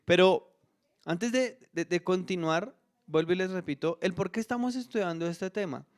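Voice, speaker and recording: A middle-aged man preaches to his congregation in a relaxed, conversational way. He often turns his points into questions for the listeners. His voice sits a little higher than most men's. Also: normal speed. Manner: conversational, asks the audience frequent questions. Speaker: pastor. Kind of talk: sermon.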